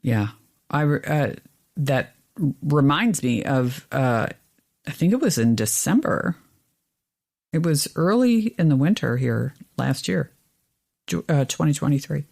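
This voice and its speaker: A woman co-hosting a podcast, chatting casually and telling stories with lively, exasperated pitch jumps. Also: a little slow, creaky, pauses often. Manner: animated storyteller, rises in pitch when exasperated. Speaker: podcast co-host. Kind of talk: casual chat.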